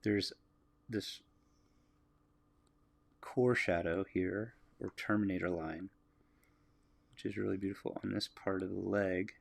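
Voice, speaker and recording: Gravelly-voiced American man chatting while drawing. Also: low-pitched, slow pace, pauses often. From United States. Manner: relaxed, musing aloud, chatting with viewers. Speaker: artist livestreaming a drawing. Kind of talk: casual livestream commentary while drawing.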